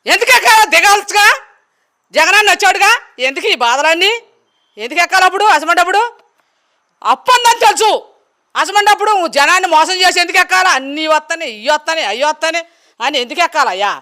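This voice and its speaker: A woman's voice: very high-pitched, animated, quick pace, pushed and bright. A woman from Andhra Pradesh answering a street interviewer, talking in a defiant, sarcastic and argumentative way. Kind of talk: street vox-pop interview.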